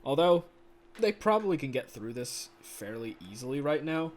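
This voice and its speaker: A man's voice: on the high side, moderate pace. Chatty man commentating a game. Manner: chatty, excitable, laughs often. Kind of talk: casual play-by-play commentary. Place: home room.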